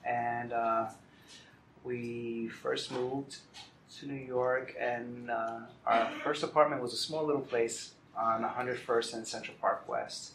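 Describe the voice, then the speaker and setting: A middle-aged man from Puerto Rico, a salsa singer, talking about his life in a relaxed, reflective interview. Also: medium pitch, slow pace, roomy sound, slight background noise, poor audio. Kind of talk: casual interview. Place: outdoors in the city.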